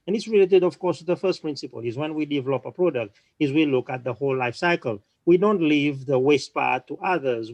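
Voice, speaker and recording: A man speaking on a conference panel, explaining at a measured pace and often restarting his sentences. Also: medium pitch, no echo, poor audio. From small island nation.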